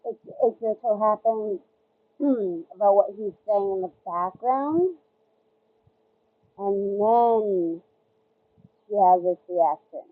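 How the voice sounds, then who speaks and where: Woman chatting commentary on a stream, kinda slow, sounds underwater thru a cheap earbud, muffled. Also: medium pitch. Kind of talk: casual commentary on another streamer. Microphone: Bluetooth earbud. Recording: muffled phone-like Bluetooth earbud audio.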